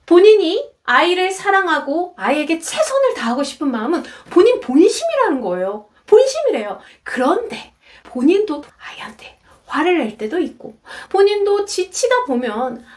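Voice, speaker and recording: A woman's voice: extremely high pitch, normal speed. A woman lecturer telling personal stories in a YouTube talk, acting out the voices of the people she quotes. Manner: animated, acts out quoted voices.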